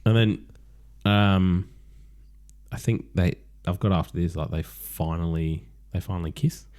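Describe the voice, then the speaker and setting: A man's voice: sits low, measured pace, darkish tone. A man co-hosting a podcast, retelling a TV plot bluntly with swearing and acted-out quotes. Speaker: podcast co-host. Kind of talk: casual chat recapping a TV show.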